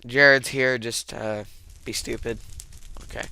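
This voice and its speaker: A man's voice: mid-range voice, steady tone, unhurried, vocal fry, pushed and bright, clear, resonant tone. A young man co-hosting a casual philosophy chat, hesitant and full of ums and restarts. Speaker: co-host.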